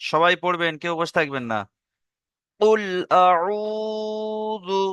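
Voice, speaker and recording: Bright-voiced man teaching Quran recitation. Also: on the high side, clean tone, no echo. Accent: Bengali, from eastern India. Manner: spells out letters and vowels, then recites slowly in a drawn-out chant; asks learners to repeat after him. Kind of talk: online Quran reading lesson.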